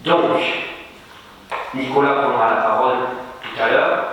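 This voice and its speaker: Man, university lecturer, bright voice, measured explanatory delivery, distant mic, long hall echo. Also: mid-range voice, fairly even intonation, slight background noise. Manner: measured, explanatory, slows on key terms. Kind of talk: academic lecture to students. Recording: echoey hall recorded from far off.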